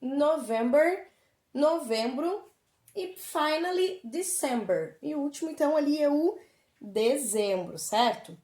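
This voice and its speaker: A woman with a Brazilian Portuguese accent, teaching an English lesson remotely and explaining words slowly and clearly to children. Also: high voice, animated, a little mellow, echoey room.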